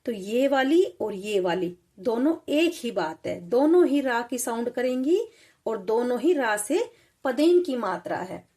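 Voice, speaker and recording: Slow, patient woman teaching children. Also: on the high side, sing-song, darkish tone. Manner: patient, repeats and spells out sounds slowly. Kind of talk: children's language lesson.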